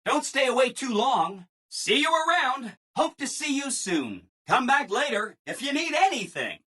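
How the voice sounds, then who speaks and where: A man's voice: sits high, sharp tone, heavily acted. A man voicing a relentlessly cheerful, eager-to-please robot assistant in a video game, chipper and exaggeratedly polite. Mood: apologetic cheer. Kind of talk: video game character acting.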